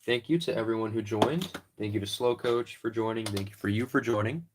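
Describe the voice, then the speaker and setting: A man casually chatting on a livestream while crafting props, rambling and relaxed, sometimes talking while eating. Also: lowish voice, a little fast, a little hiss or hum. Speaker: streamer making props. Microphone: close mic.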